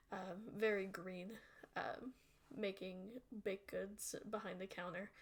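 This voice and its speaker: A woman narrates a tabletop game as game master. She is chatty and giggles often, filling her descriptions with ums and likes. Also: mid-range voice.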